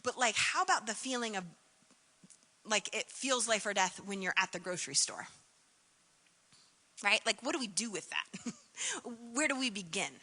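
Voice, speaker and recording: A woman's voice: medium pitch, lively intonation, moderate pace, pauses often, pushed and bright, big-room sound. A woman giving a conference keynote in a conversational, reflective way, full of "like" and "um" fillers. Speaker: keynote speaker.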